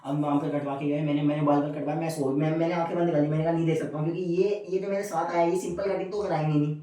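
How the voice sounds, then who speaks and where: A young male comedian tells an animated stand-up story with a mellow, slightly high voice. The sound is very echoey, and he is some distance from the mic. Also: quick pace. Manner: animated, chatty, addresses the audience as buddies.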